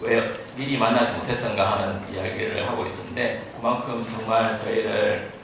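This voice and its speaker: Male lecture interpreter, halting, English terms mixed in, heard from afar in a heavily reverberant room with faint noise. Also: on the low side, steady tone, gravelly. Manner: halting, mixes English terms into Korean, restarts phrases. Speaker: interpreter and medical researcher. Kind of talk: consecutive interpreting at a medical lecture. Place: large echoing room at a talk. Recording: very echoey room, distant mic, faint noise.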